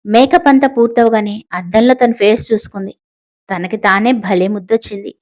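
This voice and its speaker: A woman's voice: medium pitch, steady tone, fairly quick, darkish tone, low-quality recording. A woman narrating a family story, expressively switching voices for the characters. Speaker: audiobook narrator.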